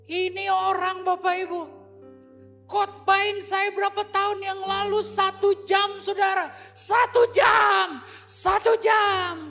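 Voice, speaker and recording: A man voicing his younger brother preaching, shouting in a high, fervent voice. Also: little pitch movement, slow pace, vocal fry, in a large hall, faint music behind, exaggerated voice.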